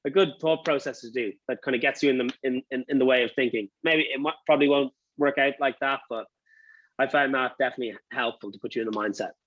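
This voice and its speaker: A man's voice: mid-range voice, quick pace, fairly bright tone, no room sound, low-quality recording. A man with a Dublin accent giving casual interview answers, rambling as he thinks aloud. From Dublin, Ireland. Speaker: interview guest, restaurant owner.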